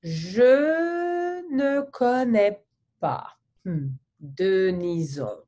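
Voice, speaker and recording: Speaking slow, simple French for learners, a middle-aged woman interviews a colleague by webcam from her home office, with a virtual background behind her. Her mid-range voice is expressive with a dark tone, and the audio is dull. She asks exaggerated, teacher-like questions and gestures theatrically.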